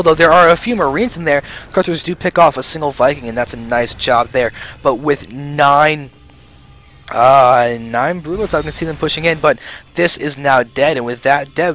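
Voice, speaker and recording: Monotone-leaning male game caster. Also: fairly high pitch. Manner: self-described monotone even when excited; frequent fillers and restarts, swings between flat and hyped. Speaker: esports caster. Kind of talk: solo play-by-play game commentary.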